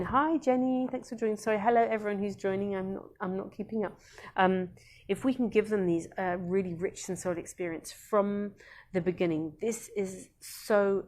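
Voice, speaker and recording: A woman who is a Montessori educator, hosting a casual live-stream talk in an unhurried, earnest way with many pauses and ums. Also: medium pitch, a little mellow.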